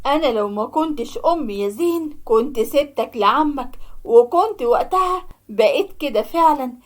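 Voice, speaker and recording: A woman's voice: high-pitched, lively intonation, normal speed. A woman with an Egyptian accent voicing a tearful, bitter older widowed mother in a cartoon story. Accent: Egyptian Arabic. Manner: pleading, bitter.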